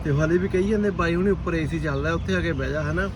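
A man's voice: on the high side, fast talker. A man, a taxi driver chatting casually to viewers in his vlog. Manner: chatty, easygoing, addresses viewers as friends. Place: in and around a car outdoors. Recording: loud outdoor and road noise.

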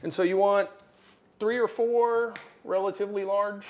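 A man's voice: sits high, fairly even intonation, normal speed, a little mellow. A middle-aged man hosting a cooking show in a home kitchen, upbeat and joking, repeating his guest's steps back to her. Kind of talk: casual on-camera cooking chat.

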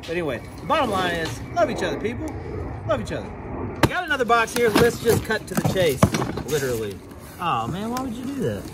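Animated man unboxing outdoors. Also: high-pitched, quick pace. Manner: chatty, animated, jokey asides. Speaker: storage unit vlogger. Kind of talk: casual unboxing chat to camera. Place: outdoors at storage units. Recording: outdoor recording with clear background noise.

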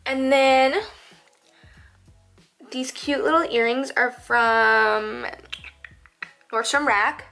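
A beauty and lifestyle vlogger in her twenties chats casually to the camera, bubbly and full of "like" fillers. Her voice sits on the high side with a fairly bright tone.

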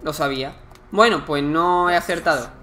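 Guy commenting on a game, chatty and jokey, game music loud behind him. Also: on the high side, moderate pace. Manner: chatty, joking, exclaims at the game. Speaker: gameplay commentator. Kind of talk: casual let's-play commentary.

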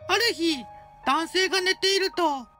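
A woman with an extremely high-pitched voice speaks at a measured pace as a cheerful, cutesy storytelling mascot. She tacks a cute verbal tic onto each sentence. The clip is upbeat, with light background music.

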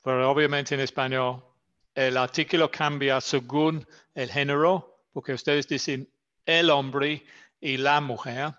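A man whose first language is English, teaching an English grammar lesson in Spanish, slowly and carefully repeating example words for his student. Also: medium pitch, steady tone, a bit bright. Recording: slightly dull lo-fi sound.

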